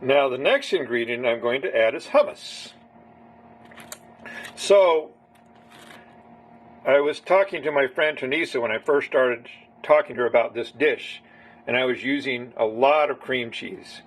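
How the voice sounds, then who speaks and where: A man's voice: medium pitch, measured pace, long pauses. A man casually talking viewers through a home recipe step by step, in a rambling, chatty way. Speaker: home cook. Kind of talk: casual cooking demonstration.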